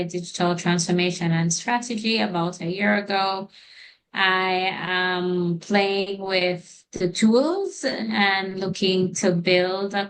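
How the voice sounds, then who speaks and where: Brief: woman, unhurried delivery, short hesitant self-intro on a call. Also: mid-range voice, fairly bright tone, low-quality recording. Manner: brief and plain, a little hesitant. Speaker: AI consultant, call participant. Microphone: video call.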